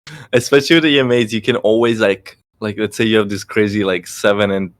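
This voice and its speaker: A man's voice: lowish voice, steady tone, fast. A man chatting casually about trading, blunt and profane, with lots of filler words. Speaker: trading course host. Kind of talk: casual chat.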